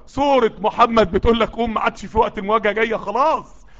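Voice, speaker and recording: A man's voice: high-pitched, racing, a bit bright. A man preaching a sermon in an Egyptian Arabic accent, sweaty and worked up, urging his listeners on with repeated, building calls. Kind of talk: sermon to a live group. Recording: dull lo-fi recording.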